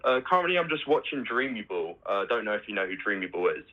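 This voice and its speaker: A man's voice: fairly low pitch, sing-song, fast. A man calling into a show, chatting casually and tagging his sentences with little asides. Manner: chatty, tags sentences with "you see". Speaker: caller. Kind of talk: casual phone-in chat. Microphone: phone. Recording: dull phone line.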